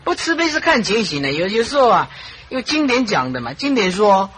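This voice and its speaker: A Buddhist monastic gives a dharma talk with a very lively, swooping voice. The teacher chuckles often, repeats phrases for emphasis and tells stories with animation. A faint hiss of noise sits under the recording. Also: medium pitch, brisk, rough recording. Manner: animated storytelling with frequent chuckles and repetition.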